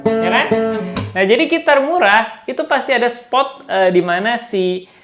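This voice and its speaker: A man's voice: very high-pitched, lively intonation, a little slow, fairly bright tone. Chatty man giving a casual guitar lesson. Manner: chatty, refers to himself in third person, chuckles often. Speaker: guitar tutor and seller.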